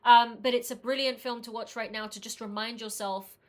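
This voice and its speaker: A woman's voice: fairly high pitch, steady tone, brisk. A woman hosting a podcast in casual chat, speaking earnestly and often repeating words as she restarts her sentences. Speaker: podcast host.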